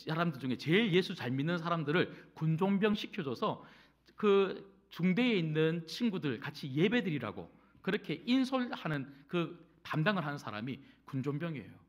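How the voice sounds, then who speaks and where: Middle-aged pastor guy telling his story from the pulpit, highish voice. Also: normal speed. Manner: animated storytelling, addresses congregation directly. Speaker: senior pastor. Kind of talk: sermon with personal story. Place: church sanctuary.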